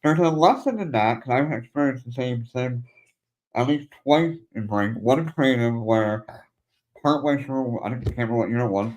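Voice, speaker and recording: A man's voice: mid-range voice, moderate pace, a little mellow, dull audio. A middle-aged man hosting a podcast, chatting casually and drawing lessons from shared stories. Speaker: podcast host. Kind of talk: casual interview conversation.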